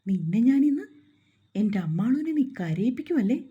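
A woman's voice: on the high side, very animated, moderate pace, mellow, slightly rough, lo-fi sound, full character voice. Woman reading an earnest, fierce simple young man. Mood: angry. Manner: earnest, angry.

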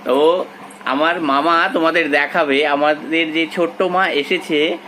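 A woman's voice: low-pitched, fairly even intonation, unhurried, fairly bright tone, slight background noise, rough recording. Woman vlogger coaxing a small child. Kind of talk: casual family vlog.

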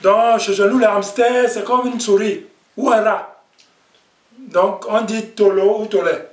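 A patient male teacher with a fairly high voice, talking slowly through a vocabulary lesson and checking in often. He is picked up from across an echoey room. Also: fairly even intonation. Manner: patient, repeats words and checks with "ok?". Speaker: language teacher. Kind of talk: classroom language lesson. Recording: echoey room, distant mic.

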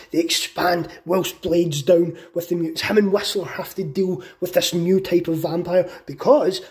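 A man casually pitching a film idea, excited and profane, with lots of fillers. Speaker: channel host.

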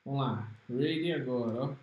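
A man with a Brazilian Portuguese accent giving excitable, trash-talking commentary while streaming a fighting game. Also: mid-range voice, moderate pace, reverberant, dull audio. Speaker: gaming streamer. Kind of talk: live gameplay commentary.

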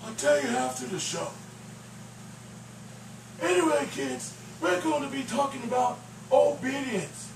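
A man's voice: very high voice, expressive, a little slow, gravelly, long pauses, voice pushed up, exaggerated voice. Dress Sack, a man doing a snarky sock puppet behind the booth. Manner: snarky, bickering, mock-preachy. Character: cheeky male sock puppet sidekick. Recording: roomy, distant voice with faint noise.

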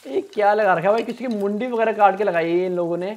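A young adult man streaming games gives casual let's play commentary in a high voice, talking fast. He thinks aloud and repeats himself as he plays.

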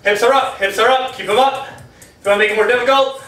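Breathless, bright-voiced fitness coach man. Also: very high voice, fast. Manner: energetic, encouraging, counting out moves. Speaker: fitness instructor. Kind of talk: coaching a home workout. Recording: echoey room from far off, music behind.

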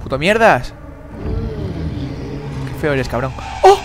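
A man's voice: medium pitch, sing-song, takes it slowly, background noise. A man giving frantic horror game commentary, swearing a lot and repeating words in panic. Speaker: gamer.

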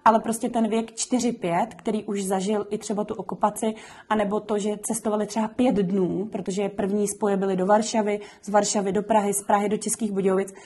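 A woman's voice: medium pitch, little pitch movement, dark tone, slightly rough. A woman who runs a kindergarten, giving earnest, explanatory answers in a documentary interview, with frequent fillers. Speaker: kindergarten director.

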